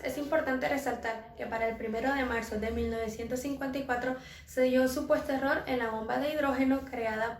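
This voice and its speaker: A woman reading scripted explanations in a measured way. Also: sits high, echoey room.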